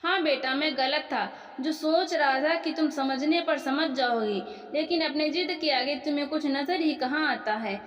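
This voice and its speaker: A woman's voice: sits high, normal speed, few pauses, lo-fi sound, lightly acted. A woman reading the lines of a weary older father who speaks in a resigned, bitter way, recorded in an echoey room. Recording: echoey room with long reverb.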